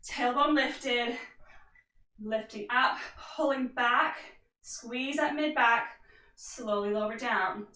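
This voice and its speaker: A woman leads a guided workout with a high, bright, forward voice. She calls out steady, upbeat cues, one movement at a time. The sound bounces around an echoey room, and the mic sits well away from her. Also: far from the mic. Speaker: fitness instructor.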